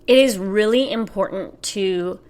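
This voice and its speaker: A middle-aged woman hosts her own health podcast, speaking as a trainer and coach. She talks in a casual, chatty, animated way at an ordinary middle pitch. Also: measured pace. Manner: chatty and animated, laughs while telling stories. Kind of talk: casual solo podcast talk.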